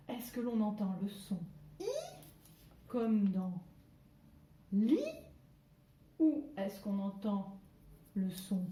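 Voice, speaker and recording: A woman teacher giving a video lesson to young children from home, speaking slowly and articulating carefully, with playful exclamations. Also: mid-range voice, warm tone. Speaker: primary school teacher. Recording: echoey room.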